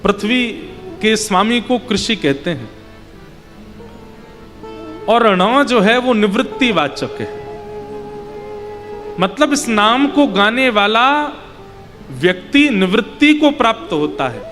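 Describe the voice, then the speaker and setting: A man delivers a devotional sermon in a high, bright register, shifting his tone to act out the story's voices and pressing home his points with repeated phrases. His voice rings with long hall reverb, and loud devotional music plays beneath him. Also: slow, pauses often. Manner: acts out child and mother voices in the story, lively. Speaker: Bhagavat katha preacher.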